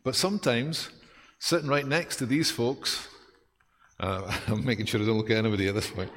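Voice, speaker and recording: A man preaching a sermon as pastor, lively and self-deprecating, with dramatic pauses. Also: medium pitch, in a large hall, slight background noise.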